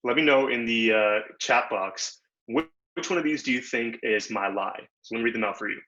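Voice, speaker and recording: The speaker is a young man from Bangladesh leading an informal, upbeat online workshop via video call, using lots of slang and fillers. He talks a little fast in a mid-range voice with a sharp tone. Sound quality is dull and lo-fi.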